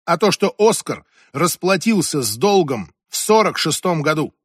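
A woman's voice: deep voice, big pitch swings, normal speed, husky, no room sound, clean studio sound, voice pushed up, heavily acted. A man reading an audiobook and voicing a strict, imperious ex-senator in her eighties who talks in a commanding, impatient way. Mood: lecturing. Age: 80s. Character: strict imperious old woman, former senator.

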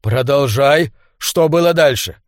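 A man voicing a hunted Englishman, hoarse and shrill, frantic and on the edge of hysteria, in a read-aloud story. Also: unhurried, no room sound, studio quality, close to an everyday voice. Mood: hoarse dread. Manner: frantic, cursing. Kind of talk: audiobook character voice.

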